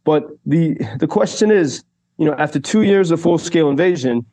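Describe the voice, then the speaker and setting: Reporting live from Kyiv for a radio show, this man speaks at a moderate pace in a fairly high, dark-toned voice that sounds animated. He works through his thoughts carefully, with lots of fillers and false starts.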